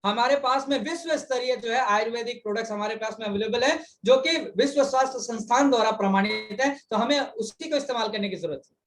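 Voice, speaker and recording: A man's voice: very high-pitched, fast talker, fairly bright tone. A man interpreting a speaker's words in consecutive interpretation, restating each point fluently and in full over a video call.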